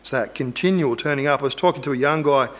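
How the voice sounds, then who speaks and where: Male preacher, relaxed and conversational, earnest tone, acts out little scenes. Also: mid-range voice, fast. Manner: earnest, acts out biblical quotes and imagined dialogue. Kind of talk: conversational sermon.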